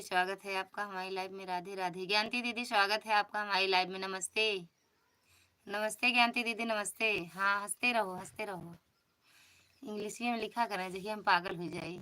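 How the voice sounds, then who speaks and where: Chatty bright-voiced Awadhi woman livestreaming. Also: medium pitch, a little hiss or hum. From Uttar Pradesh, India. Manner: chatty, teasing, repeats greetings to each viewer. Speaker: live stream host. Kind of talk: casual live chat greeting viewers. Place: home.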